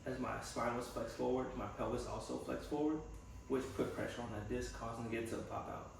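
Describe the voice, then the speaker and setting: A young man, a vlogger studying to be a physical therapy assistant, thinks aloud to the camera in a casual, reflective personal vlog. His medium-pitched voice carries a lot of gravelly fry, holds a steady tone, and moves a little fast. He's recorded from a distance in a strongly echoing room with faint background noise.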